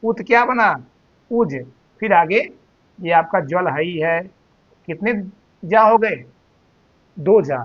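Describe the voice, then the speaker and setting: Male Hindi teacher, high voice, unhurried drilling delivery, dull lo-fi sound. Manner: slow, drawn-out repetition of words, addresses students as "beta". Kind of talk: spelling and grammar lesson.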